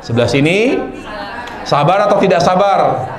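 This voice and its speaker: A man preaching a sermon to a live audience, animated and questioning his listeners. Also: high voice, moderate pace, crowd noise. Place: lecture hall with audience. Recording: echoey hall.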